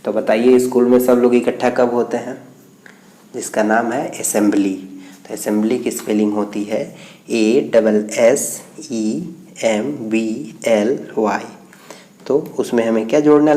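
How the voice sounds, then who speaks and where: Mellow-voiced male teacher, slow and patient. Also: fairly low pitch. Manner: reads English lines slowly, then explains them. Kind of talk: explaining a reading exercise.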